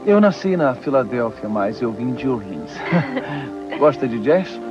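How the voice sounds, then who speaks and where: A wry, joking writer. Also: male voice, medium pitch, sing-song, measured pace, muffled recording, music in the background. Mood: playful. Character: witty, easygoing middle-aged male writer. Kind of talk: Brazilian Portuguese film dubbing.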